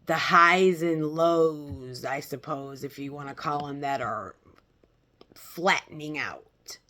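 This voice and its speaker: Female self-help influencer, slightly low pitch, very slow pace, blunt, emphatic, unscripted delivery. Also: steady tone, bright, forceful tone.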